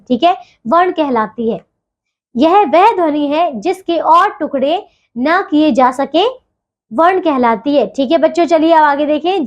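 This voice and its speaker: High-pitched lady teacher going over grammar w kids, patient, says each sound slow and keeps checking in. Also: dull audio. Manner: patient, repeats "okay children" often, spells out sounds slowly. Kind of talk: classroom grammar lesson.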